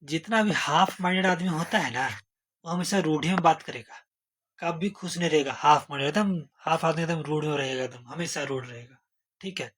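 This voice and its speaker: A man's voice: on the high side, brisk, husky. Colloquial man. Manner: rhetorical questions, colloquial, playful mnemonics. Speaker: exam-prep teacher. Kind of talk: memory-trick lesson. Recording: noisy recording. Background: steady background noise.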